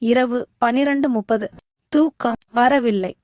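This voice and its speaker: A woman's voice: fairly high pitch, takes it slowly, darkish tone, dry recording, clean studio sound. A woman telling a story in first person as scripted narration, in a dramatic, tense manner.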